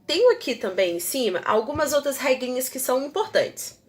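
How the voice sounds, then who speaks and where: A high-pitched, very animated woman, a native Portuguese speaker, teaches English grammar and checks in with her students while explaining. She goes slowly, repeats English words for pronunciation, and uses tag questions to engage the class.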